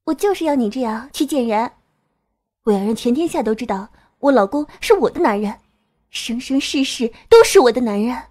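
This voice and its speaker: A woman's voice: fairly high pitch, expressive, normal speed, warm tone, no echo, clean studio sound. A woman voicing a nineteen-year-old girl who dotes on her lover and teases him in a sweetly demanding way. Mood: teasing. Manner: teasing, clingy, sweetly demanding. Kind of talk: audio drama acting.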